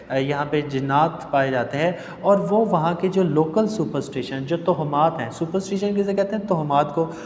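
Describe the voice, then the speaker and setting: A male teacher in a book-reading lesson. He reads English lines slowly, then explains the meaning of each word at length. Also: on the high side, darkish tone, reverberant, long reverb tail, a little hiss or hum.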